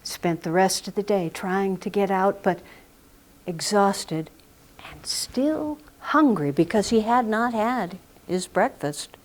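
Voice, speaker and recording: A woman's voice: mid-range voice, lively intonation, slow. A woman telling a folk tale live in a recording studio, dramatic and often dropping to a whisper. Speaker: storyteller.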